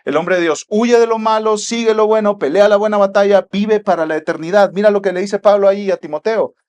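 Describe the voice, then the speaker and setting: High-voiced, emphatic male preacher. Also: fairly quick, clear, resonant tone. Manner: emphatic, repeats rhetorical questions, swings from loud to hushed. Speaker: pastor. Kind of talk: sermon.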